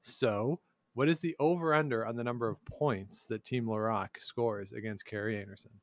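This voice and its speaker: A man's voice: mid-range voice, fairly even intonation, normal speed, dry recording. A man co-hosting a casual sports podcast, talking with wry sarcasm and chuckling asides. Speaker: podcast co-host.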